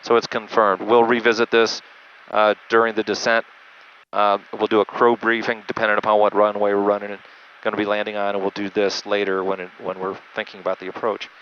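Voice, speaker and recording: A jet pilot with a lowish, monotone voice explains things haltingly and methodically in an unscripted instructional walkthrough. He's in a small jet cockpit during flight, speaking into an aviation headset over the intercom, so the recording is muffled and band-limited, with engine noise.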